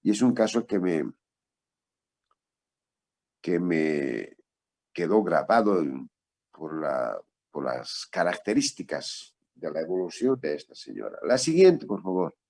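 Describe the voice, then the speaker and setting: A low-voiced man gives a traumatology lecture. He tells a patient case in a relaxed, conversational way and asks for the next slide. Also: slow pace, pauses often.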